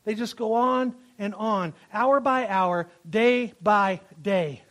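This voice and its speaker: A man preaching a sermon in a strikingly high voice. He is emphatic and repeats his phrases, swelling loud and then falling quiet. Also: takes it slowly. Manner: emphatic, repeats phrases, rises and drops in volume. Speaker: pastor.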